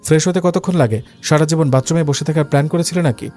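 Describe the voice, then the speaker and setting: A man's voice: medium pitch, steady tone, fast talker, a little mellow, faint music behind, lightly acted. A man voicing a stern, cruel young husband who gives harsh, commanding orders through gritted teeth.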